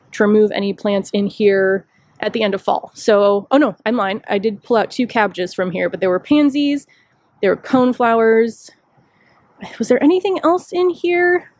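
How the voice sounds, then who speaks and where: A woman's voice: mid-range voice, a little mellow, no room sound. Woman, casual garden vlogger, chatty and self-deprecating, dry outdoor sound on a handheld phone. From Chicago area. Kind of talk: casual walking tour narration. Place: outdoor rooftop deck. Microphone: handheld phone camera, speaker off screen.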